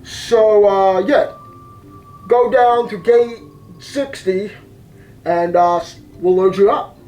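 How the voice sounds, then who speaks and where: A man voicing an airline captain making a halting announcement with many pauses. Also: sits high, dark tone, soft background music, voice pushed down, low-quality recording. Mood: apologetic. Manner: hesitant, full of uh's.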